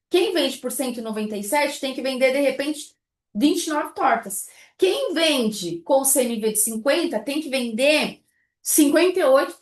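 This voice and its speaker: A woman teaching a live online class, keeping up a lively run of rhetorical questions to her students. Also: high-pitched, echoey room. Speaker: baking business instructor.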